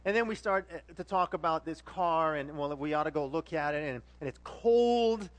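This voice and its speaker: A man's voice: a little high, lively intonation, moderate pace. A male pastor giving a conversational sermon, telling stories animatedly and speaking directly to his congregation.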